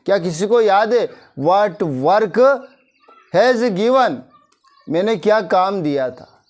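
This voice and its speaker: A man teaching a class, saying English sentences slowly and repeating them before explaining. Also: high voice, lively intonation. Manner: slow, repeats English phrases then explains in Hindi.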